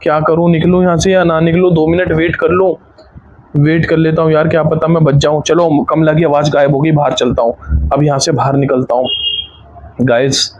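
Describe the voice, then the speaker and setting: A young man with a fairly high voice gives a nervous running commentary while he plays a horror game. He narrates every hiding spot and every item to his viewers in a quick, jumpy way. The mic sounds dull and lo-fi. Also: flat delivery, a little mellow. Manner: frightened, hurried live narration of his moves. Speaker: gaming YouTuber.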